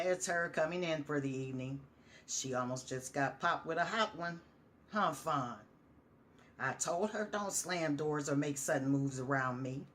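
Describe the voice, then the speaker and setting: A woman's voice: deep voice, fairly bright tone, a little hiss or hum. A woman voicing a guilt-ridden, paranoid male veteran who drinks, talking in a raised, agitated, rambling way.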